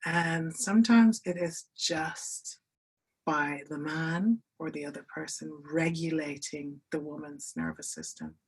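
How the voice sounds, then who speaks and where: A woman's voice: low voice, animated, a little slow, breathy edge. A woman speaking as a guest in a conversation, talking earnestly and openly with frequent restarts. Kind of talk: candid conversation.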